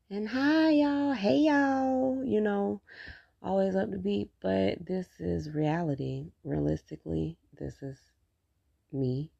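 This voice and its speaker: A man's voice: mid-range voice, gravelly, dark tone, no echo, muffled recording. A man hosting a casual solo podcast, talking candidly and encouraging himself. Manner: candid, self-encouraging, laughs between thoughts. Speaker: podcast host.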